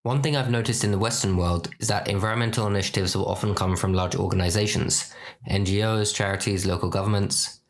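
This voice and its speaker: A man hosting a podcast interview, asking measured, prepared questions. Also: fairly low pitch, steady tone. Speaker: podcast host.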